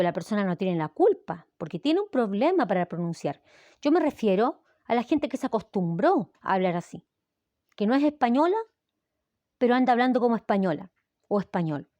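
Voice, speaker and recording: A woman's voice: on the high side, mellow, no room sound. A middle-aged Chilean woman explaining a language lesson, checking in often with her students. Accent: Chilean Spanish. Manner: explanatory, with frequent "¿ya?" check-ins. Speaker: language teacher. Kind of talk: recorded lesson.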